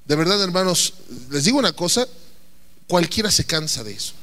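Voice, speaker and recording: A man's voice: sits high, expressive, fairly quick, pushed and bright. A man preaching a playful, theatrical sermon and often throwing questions at the congregation. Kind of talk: lively sermon.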